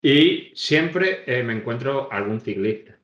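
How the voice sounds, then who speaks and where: A man's voice: medium pitch, takes it slowly. A man in a middle voice chats easily as a podcast co-host, telling anecdotes and acting out little quotes. His voice sounds roomy and slightly muffled. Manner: relaxed storyteller who acts out little quotes. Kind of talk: casual chat.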